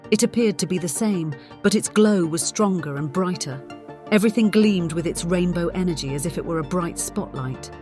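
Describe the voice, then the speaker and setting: In a dramatic audiobook style, a woman narrates a work of fiction at a normal speed. Her voice sits somewhat low, and music can be clearly heard playing beneath her narration.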